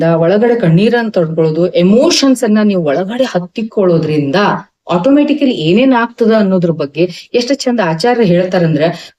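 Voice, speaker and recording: North Karnataka-accented doctor with a mellow voice. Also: medium pitch. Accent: North Karnataka Kannada. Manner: emphatic, rhetorical questions, mixes in English medical terms. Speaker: Ayurvedic doctor. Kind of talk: health talk to camera.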